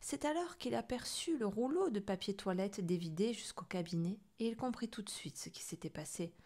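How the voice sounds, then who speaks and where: A woman tells a children's story with lively expression. She reads as a storyteller and shapes each line for young listeners. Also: medium pitch, a little fast. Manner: expressive, animated reading.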